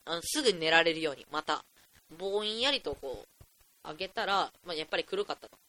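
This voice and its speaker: A teenage boy of about fifteen hosting a solo podcast, rambling in an excitable, chatty, jokey way at a desk mic. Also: on the high side, fairly quick. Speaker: podcast host.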